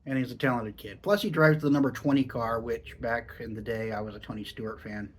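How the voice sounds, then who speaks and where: A man's voice: medium pitch, steady tone, brisk. An American man chatting casually in a rambling, folksy vlog style, his speech slightly muffled by a lip full of dipping tobacco. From Oregon, United States. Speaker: dipping tobacco review vlogger. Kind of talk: casual rambling chat to camera.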